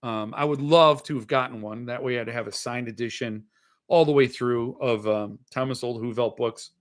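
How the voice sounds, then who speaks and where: The host of a book-collecting show chats casually and rambles about his interests, thinking aloud hesitantly and wandering into asides. His mid-range voice holds a steady tone at a moderate pace, and a lisp makes his s sounds slushy.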